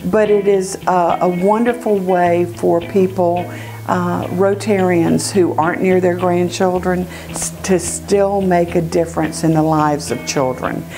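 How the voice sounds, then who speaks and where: Older lady w a low voice giving a chatty personal testimonial, music playing behind her. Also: fairly even intonation, unhurried. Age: older, great-grandmother. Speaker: volunteer reader speaking about a community reading program. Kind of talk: personal testimonial, conversational storytelling. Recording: music bed under the voice.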